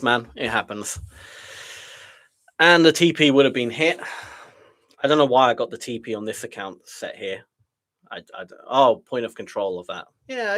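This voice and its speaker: A day trader streaming live comments on his trades to viewers, sounding frustrated and poking fun at himself, sighing as he thinks aloud. His voice is medium-pitched and a bit bright.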